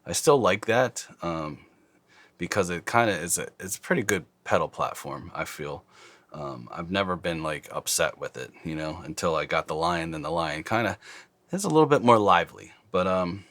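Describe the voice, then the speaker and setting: Very low-voiced man, mouth numb from dentist. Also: expressive, moderate pace, a bit bright, dry recording. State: mouth slightly numb from dental anaesthetic. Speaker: host of guitar gear videos. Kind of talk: casual chat to camera. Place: small dark studio, indoors.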